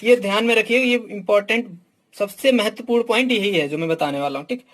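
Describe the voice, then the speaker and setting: A man's voice: high voice, a little fast, a bit bright. A man coaching exam students in a casual teaching talk, blunt and frank in his views, who addresses them as "my dear" and tacks a "theek" onto almost every phrase. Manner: fills nearly every phrase with "ठीक"; talks straight to students, calling them "my dear". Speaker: exam coach reviewing books.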